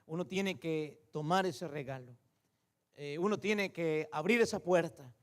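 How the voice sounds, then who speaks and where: A man's voice: on the high side, measured pace. A man in his fifties preaching a sermon in a church, who keeps calling the congregation "brother" and asks rhetorical questions. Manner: repeats "hermano" often, asks rhetorical questions. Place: church sanctuary.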